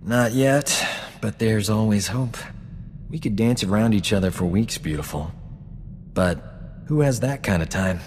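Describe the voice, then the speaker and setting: An actor voices a cocky frontier doctor, a flirtatious, smooth-talking adventurer and video game companion, in a low, darkish voice close to everyday speech. He teases at a measured pace with smug, self-assured banter, against long hall reverb, game music, and a little hiss or hum.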